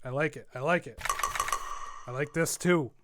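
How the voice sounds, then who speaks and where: Guy talking over his beats, kinda high voice, mic peaking into fuzzy distortion. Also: moderate pace, over loud music. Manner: excitable, thinks aloud. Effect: clipped, fuzzy mic distortion. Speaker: beatmaker. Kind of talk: casual talk-through while making beats. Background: beats playing.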